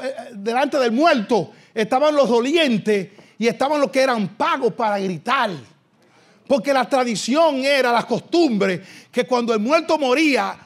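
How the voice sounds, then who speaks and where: A male pastor delivering an impassioned sermon, swinging between loud, shouted lines and low, hushed ones, and drawing out quoted scripture slowly. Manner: slow, drawn-out reading of quoted scripture.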